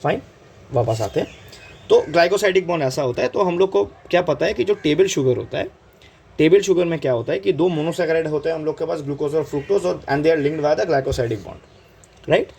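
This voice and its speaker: A man's voice: a little high, creaky, darkish tone, a little hiss or hum. A man with an Indian accent teaching chemistry in an exam-prep lecture, mixing Hindi and English and checking in with "right?" again and again. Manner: switches between Hindi and English, asks "right?" constantly; slow, drawn-out on key terms.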